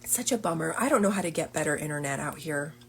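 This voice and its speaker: A woman's voice: deep voice, expressive, fast talker, vocal fry, slight background noise. A woman business coach chatting casually on a livestream, upbeat and full of fillers.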